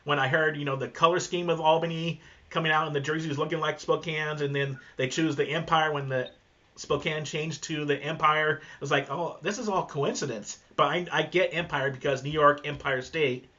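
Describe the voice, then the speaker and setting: A man's voice: a little high, little pitch movement, moderate pace, pushed and bright. A man hosting a podcast, chatting casually and rambling, with many fillers and restarts. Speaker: podcast host. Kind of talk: casual conversation. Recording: dull lo-fi sound.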